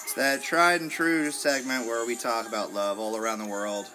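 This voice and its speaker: A man's voice: medium pitch, fairly even intonation, normal speed, loud music behind the voice. A man co-hosting a comedy chat podcast, announcing with playful, theatrical flair. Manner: playful, theatrical announcer delivery with frequent laughs. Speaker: podcast co-host.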